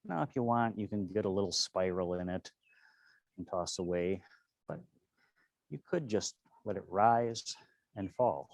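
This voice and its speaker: A man with a fairly low voice leads a tai chi tutorial. He gives serene, unhurried cues one movement at a time. The sound is very dry, with next to no room in it. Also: darkish tone, no echo. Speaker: tai chi and qigong instructor.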